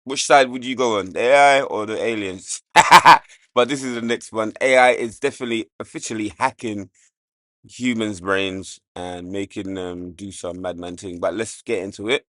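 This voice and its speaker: A man from hosting a casual commentary show, loose and joking, jumping from low mutters to loud outbursts. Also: steady tone, normal speed, no echo, clean studio sound. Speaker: show host.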